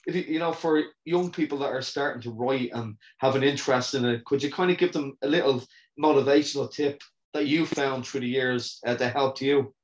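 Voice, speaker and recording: Friendly man podcast host, echoey room. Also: mid-range voice. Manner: friendly, halting, many fillers and "yeah"s. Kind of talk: casual interview.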